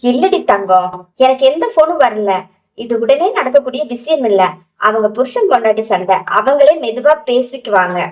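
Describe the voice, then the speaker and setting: A woman voicing a young male hero in a romance story, tender but gruff, scolding with endearments. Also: a little high, animated, moderate pace, darkish tone, distant mic, natural voice, low-quality recording. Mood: soothing.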